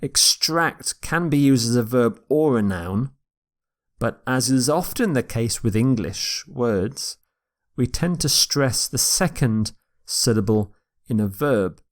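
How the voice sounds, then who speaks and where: Man, vocabulary lesson, very slow delivery, mid pitch, repeats words for pronunciation. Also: lively intonation. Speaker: English vocabulary teacher. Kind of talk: recorded vocabulary lecture.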